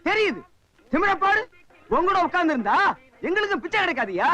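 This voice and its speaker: A man's voice: very high voice, very animated, fast, bright, forceful tone, heavily acted. An actor playing a beggar in a film comedy scene who squabbles with a man and consoles his companions. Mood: squabbling. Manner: pleading and squabbling.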